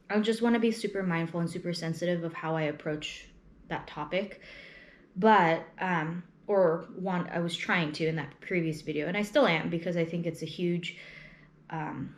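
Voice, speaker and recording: A young adult woman vlogging in a casual personal chat, thinking aloud haltingly and often trailing off mid-thought. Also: on the low side.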